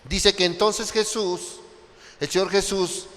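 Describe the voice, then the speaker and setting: High-voiced preacher in a reverberant hall. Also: male voice, steady tone, takes it slowly. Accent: Mexican Spanish. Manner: impassioned, rising to loud cries. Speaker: pastor. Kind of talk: Sunday sermon. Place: church hall.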